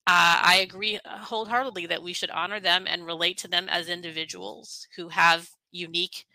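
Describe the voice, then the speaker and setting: Woman podcast host, rambly and reflective, lots of you-knows, bright tone. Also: lowish voice, steady tone, a little fast, gravelly, no room sound, poor audio. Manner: thoughtful, hedging with many fillers. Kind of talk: conversational interview.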